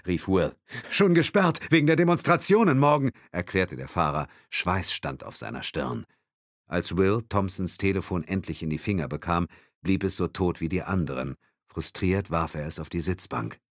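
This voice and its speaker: A man's voice: deep voice, dry recording, clean studio sound. A man reading a thriller as audiobook narration in a tense, dramatic manner. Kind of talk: scripted narration.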